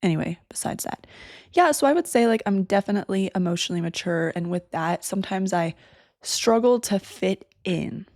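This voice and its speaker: A woman's voice: medium pitch, animated, normal speed, a little mellow, no room sound, clean studio sound. A young woman in her twenties hosting a casual solo podcast, chatty and rambling, sounding a bit congested. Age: 20s. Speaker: podcast host. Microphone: desk microphone.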